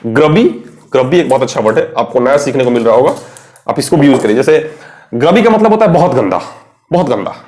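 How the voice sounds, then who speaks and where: A man's voice: mid-range voice, lively intonation, fast, a little mellow. A young Indian man teaching an English vocabulary lesson at a board, chatty and quizzing his viewers before answering himself. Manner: chatty, asks questions and answers them himself.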